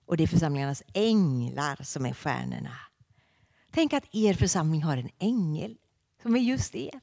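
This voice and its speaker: A woman's voice: sits low, sing-song, gravelly, mellow. A woman preaching a sermon to a congregation in a church, speaking expressively with frequent hesitations.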